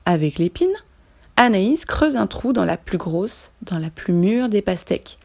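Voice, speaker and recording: A French woman reading a children's picture book aloud with lively, expressive storytelling. She paces the tale for young listeners, leaning into its funny moments. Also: medium pitch, gravelly. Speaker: after-school childcare worker.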